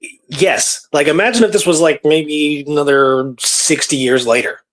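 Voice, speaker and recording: As co-host, a man casually talks through a historical story, sounding musing and hesitant as he circles back over his own phrases. His slightly husky voice is fairly high and fairly bright, delivered at normal speed.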